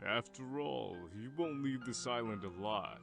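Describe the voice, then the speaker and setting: Villain king: slow theatrical menace, gravelly cartoon-style gloating, clear music underneath. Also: mid-range voice. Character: sinister male mystic king, cliched gloating villain. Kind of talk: amateur animated drama acting. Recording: music behind the voice.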